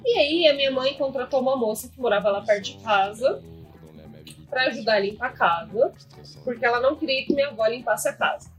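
A woman co-hosting a podcast, chatting casually with opinionated, quick-reacting banter. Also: a little high, lively intonation, soft background music. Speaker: podcast co-host. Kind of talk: casual chat.

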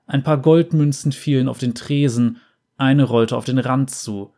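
A man reading a fantasy story aloud as narrator, with calm, steady delivery. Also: medium pitch, measured pace.

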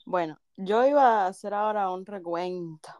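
A woman co-hosting a podcast, telling a story in a relaxed casual chat and laughing softly along the way. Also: medium pitch, moderate pace, no room sound, highs cut off. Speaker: podcast co-host.

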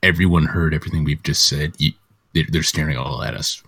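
A man's voice: rumbling low, fairly even intonation, a little fast, fairly bright tone, slightly rough. A man hosting a comedy podcast with casual, joking banter.

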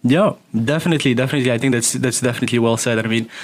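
A man's voice: mid-range voice, very fast. A young man hosting a student podcast, talking in a conversational interview style. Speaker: student podcast host, magazine editor-in-chief.

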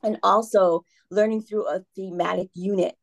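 A woman's voice: mid-range voice, fairly even intonation, moderate pace, vocal fry. A woman who teaches preschool, talking in an interview, earnest and enthusiastic and often checking in with "right?". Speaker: preschool educator, guest. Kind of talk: casual interview talk.

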